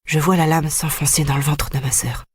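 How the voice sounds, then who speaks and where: A grave audiobook narrator telling a dark story in the first person. The voice is husky and sits close to the mic, with a dry sound and no room around it. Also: mid-range voice, flat delivery, brisk, dry recording. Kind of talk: scripted narration.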